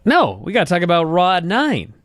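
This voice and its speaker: A man co-hosts a casual chat, throwing in wry, profane jokes. His voice sits a little high and swings around a lot. The recording is dry and close-miked. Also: wildly swooping pitch, normal speed, a bit bright, dry recording. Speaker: podcast co-host.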